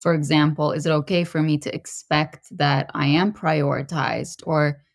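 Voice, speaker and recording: A woman in her thirties from Lebanon, a podcast guest telling her personal story in a measured, introspective way. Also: low-pitched, fairly even intonation, vocal fry, dry recording, studio quality. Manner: measured and introspective, pausing to find words.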